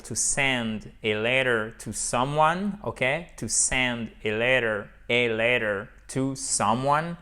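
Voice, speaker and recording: A man giving an online English lesson, explaining slowly and checking in with "ok?". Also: medium pitch, a bit bright. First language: French. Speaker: English teacher.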